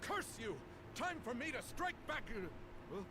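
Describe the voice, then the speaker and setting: A man's voice: very high-pitched, sing-song, normal speed, background noise, pitched above the performer's own voice, exaggerated voice. A man voicing a male villain in a video game stream, indignant and sputtering with a squealing tone.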